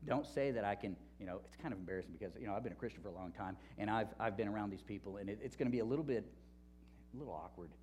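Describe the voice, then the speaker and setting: A man's voice: lowish voice, racing, a little mellow, slight background noise. A male preacher giving an earnest sermon, repeating phrases and sometimes dropping to a near whisper.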